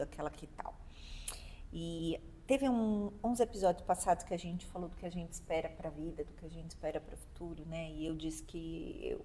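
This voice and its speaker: A woman's voice: deep voice, a little mellow, a little hiss or hum. A young adult woman with a Brazilian Portuguese accent, co-hosting a podcast in a reflective, conversational casual chat. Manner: reflective, conversational, seeks agreement. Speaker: podcast co-host.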